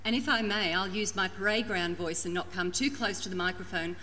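A woman with an Australian accent presenting to a conference panel in formal, deliberate and articulate phrasing. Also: mid-range voice, fairly even intonation, pushed and bright. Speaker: panel presenter introducing and restating a colleague's talk. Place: large conference room. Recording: echoey hall with background noise.

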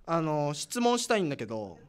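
A young man co-hosting a casual community radio show, chiming in with quick agreement. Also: on the high side, very animated, smooth. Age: young adult. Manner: quick agreeing back-channels. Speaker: radio co-host.

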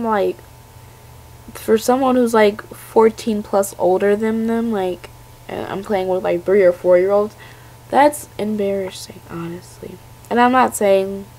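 A young woman in her late teens sounds stuffed up from a cold, and her voice has a gravelly fry. She rants to the camera in a rambling way, full of "like" and restarts. She sounds fed up. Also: mid-range voice, darkish tone, poor audio. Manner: rambling, filler-heavy, exasperated. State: congested from a cold. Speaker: vlogger.

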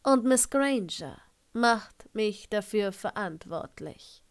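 Give me a curt, dry middle-aged potions master in an audiobook, slow and gruff, as a woman puts him on. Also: mid-range voice, lively intonation.

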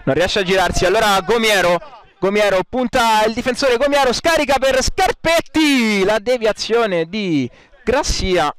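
A man giving excitable futsal highlights commentary as a sports commentator, building into drawn-out cries on goals. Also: clear, resonant tone.

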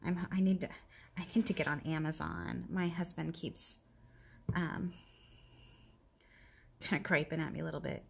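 A woman in her thirties chatting casually to viewers while she crafts, rambling and self-deprecating, now and then dropping to a soft whisper as she works. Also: deep voice, steady tone, moderate pace, gravelly, long pauses, a little hiss or hum. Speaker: crafting vlogger.

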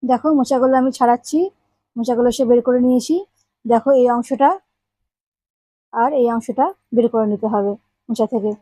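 A woman's voice: on the high side, warm tone, no room sound, poor audio. A woman hosting a home cooking channel, chatting to viewers as she explains each step of a recipe. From Bengal. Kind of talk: casual cooking demonstration.

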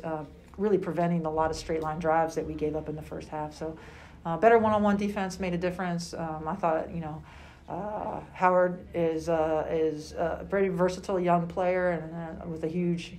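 A woman in her forties, a basketball head coach answering questions at a postgame press conference, speaking in a measured, halting way with many fillers. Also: sits low, steady tone, a little mellow, slight background noise. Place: small room indoors at a table.

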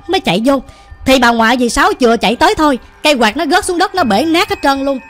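A woman's voice: sits high, a bit bright. A woman with a Southern Vietnamese accent, telling a ghost story in a chatty, colloquial way. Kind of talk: casual ghost story narration while cooking. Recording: light background music.

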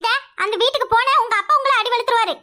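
A woman's voice: bright, forceful tone, a little hiss or hum. A woman voicing a harried, scolding village mother in a cartoon, with a Tirunelveli Tamil accent. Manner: scolding, shrill and rapid. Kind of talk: cartoon voice acting.

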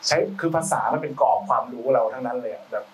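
A man's voice: mid-range voice, fast talker. A man talks shop as a guest speaker in a loose, rambling, slangy way, often restarting his sentences. He sits a little back from the mic. There is a faint hiss of noise in the room. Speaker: film sound designer, guest speaker. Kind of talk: casual talk-show conversation. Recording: voice a bit far from the mic, faint background noise.

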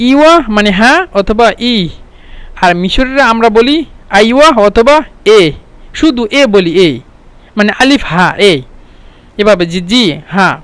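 A man from Bangladesh teaching Arabic in a casual spoken lesson, explaining with restarts and repeated words and slowing down to spell out Arabic words. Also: sits high, fairly bright tone, clean tone, no echo. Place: home.

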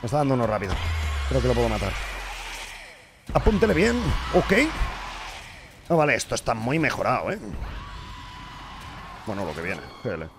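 A man's voice: on the low side, lively intonation, fast, pauses often, over music. Swearing man playing a game. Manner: frustrated, swears often, talks to the game. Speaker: gaming streamer. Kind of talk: live gameplay commentary.

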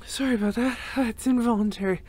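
A woman voicing a gentle, emotional young male reborn spirit in an audio role-play, breathless and given to nervous sighs and laughs. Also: on the high side, fairly even intonation, fast, no room sound, close to an everyday voice. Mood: breathless, grateful.

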